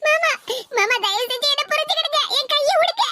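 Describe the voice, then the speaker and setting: Woman doing a tearful pleading young woman, very high. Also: lively intonation, a little fast, sharp tone, no room sound, heavily acted. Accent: Tirunelveli Tamil. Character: frightened young woman pleading with her uncle.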